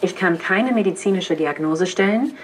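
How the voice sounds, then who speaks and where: A synthetic text-to-speech robot voice with a female sound, speaking in an even, polite, scripted way as a care-home companion robot. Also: fairly low pitch, moderate pace, slight background noise.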